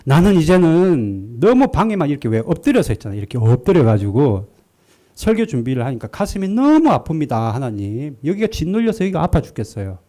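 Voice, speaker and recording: A preacher doing a whiny, pleading young pastor. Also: male voice, a little high, very animated, fairly quick, mellow. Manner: whining, begging prayer.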